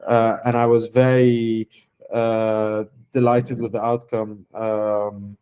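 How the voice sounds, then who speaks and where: Speaking in a lowish, warm and clean-sounding voice, a young Lebanese founder of a startup offers a testimonial interview. His delivery is flat, and he stumbles along with many fillers and restarts.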